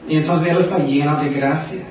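A man leading a Bible study in a conversational way, often putting questions to his listeners and swinging between loud and soft. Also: a little high, steady tone, brisk, a little hiss or hum. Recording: very echoey, distant, dull room recording.

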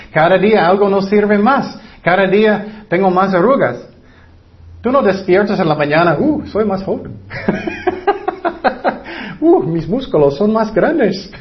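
A man preaching a sermon, earnest and teaching, with light self-deprecating humor. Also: high-pitched. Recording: dull lo-fi recording.

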